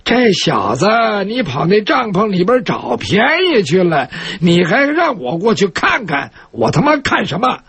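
Guy voicing a rude cussing bandit big bro, scornful, raspy. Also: sits high, sing-song, a little slow, few pauses, fairly bright tone, heavily acted. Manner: cursing, scornful. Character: crude gruff eldest bandit brother, scornful.

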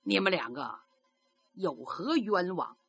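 A woman voicing a calm, authoritative male magistrate who speaks in a measured way. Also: fairly low pitch, husky, dry recording, dull audio, voice pushed down, heavily acted. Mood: commanding.

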